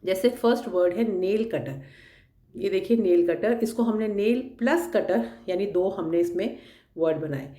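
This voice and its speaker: A woman's voice: mid-range voice, a little slow, dark tone, echoey room. A woman teacher, patiently walking students through a worksheet step by step. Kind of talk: explaining a worksheet lesson.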